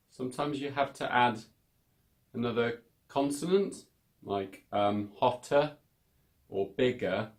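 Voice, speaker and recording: Slow-paced male English teacher. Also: mid-range voice. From United Kingdom. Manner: slow, deliberate, repeats words for learners. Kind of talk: beginner English lesson.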